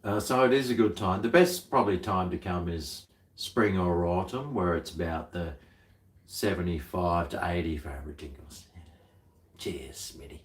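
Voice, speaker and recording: The host of this livestream is a middle-aged Australian man whose voice sits low and moves at a moderate pace. He keeps things casual, laid-back and blokey with plenty of slang, and the recording is roomy and echoey.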